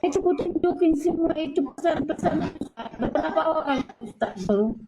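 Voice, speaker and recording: A woman's voice: high voice, lively intonation, moderate pace, warm tone. Woman complaining over a choppy call line. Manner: aggrieved, complaining. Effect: choppy, breaking-up call audio. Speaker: caller. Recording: muffled lo-fi call with faint noise and clicks.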